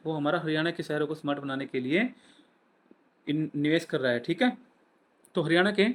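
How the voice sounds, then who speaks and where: A man with a Haryanvi accent running a quiz-style exam revision lesson, repeating each answer and adding a filler after every point. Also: a little high. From Haryana, India. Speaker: exam-prep tutor.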